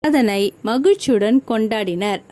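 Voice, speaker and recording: Calm woman storyteller, mellow voice. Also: on the high side, measured pace. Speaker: narrator. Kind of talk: storytelling narration for children.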